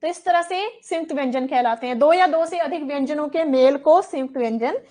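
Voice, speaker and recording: A woman's voice: high voice, brisk, warm tone. A woman teaching a Hindi grammar lesson for exam coaching. She repeats terms and asks questions, then answers them herself.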